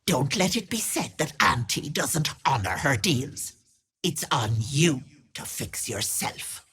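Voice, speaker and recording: An actress playing a wicked old hag who poses as a kindly auntie in a video game, sly, wheedling and sharp-tongued, with sugary endearments. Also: female voice, low-pitched, expressive, slow pace, breathy edge, heavily acted. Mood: sly, bargaining. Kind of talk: game voice acting, theatrical.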